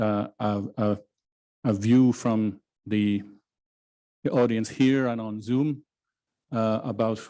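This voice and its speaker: A man lecturing on law to a hybrid audience, speaking in a measured way with frequent restarts and fillers. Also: mid-range voice, warm tone. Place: lecture room in Brussels, hybrid with online audience.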